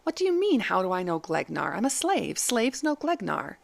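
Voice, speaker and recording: A woman's voice: mid-range voice, very animated, normal speed, vocal fry, no room sound. A woman reading the part of a frightened young runaway slave woman who blurts out her worries. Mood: anxious. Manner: anxious, blurting.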